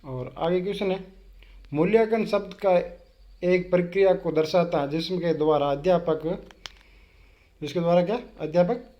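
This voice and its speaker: A man's voice: high voice, darkish tone, lo-fi sound. A man with a Rajasthani Hindi accent teaching an exam-prep quiz lesson. He reads each question, asks it back and answers it himself.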